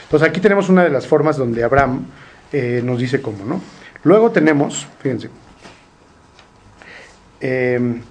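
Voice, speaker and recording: A man's voice: mid-range voice, expressive, unhurried, long pauses. A man teaching a Torah study group, asking questions and translating Hebrew quotes. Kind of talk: informal study-group lesson.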